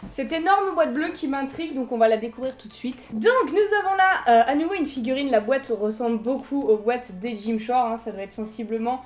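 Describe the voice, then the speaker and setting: A woman's voice: high-pitched, expressive, brisk, few pauses. A young French woman chatting enthusiastically as she unboxes collectible figurines in a casual vlog. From France.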